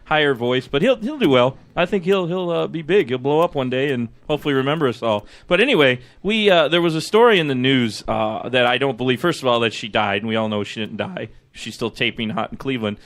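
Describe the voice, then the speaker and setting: A chatty male radio host talking casually in a studio. His voice sits at a middling pitch. He is easygoing and quick to laugh. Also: lively intonation, fairly bright tone.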